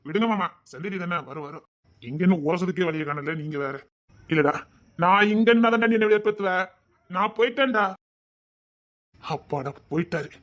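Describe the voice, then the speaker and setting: A man's voice: a little fast, pauses often. A man with a Tirunelveli Tamil accent performing a comic family sketch, trading teasing banter between relatives. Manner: teasing banter, jumping between high and hushed lines.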